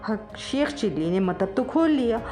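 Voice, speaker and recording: A woman narrating a comic story in a lively storytelling manner. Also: on the high side, faint music behind.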